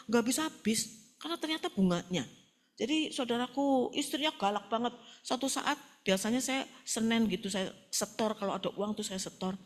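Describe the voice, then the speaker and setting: A middle-aged woman pastor preaching a sermon, telling stories with quoted dialogue in a colloquial style and often addressing the congregation directly. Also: on the high side. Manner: animated storytelling with quoted dialogue.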